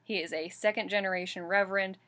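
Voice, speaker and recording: A mid-range, fairly bright female voice with fairly even intonation and a quick pace. She's a book reviewer in her twenties, recording a casual vlog on webcam in her bedroom before a bookshelf, chatting with enthusiasm about a book and catching her own slips.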